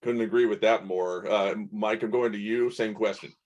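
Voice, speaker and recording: A man's voice: fairly low pitch, steady tone, moderate pace, a little mellow, lo-fi sound. A man hosting a tech panel show, talking loosely with many fillers and restarts as he hands questions to guests. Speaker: show host. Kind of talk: panel discussion moderation.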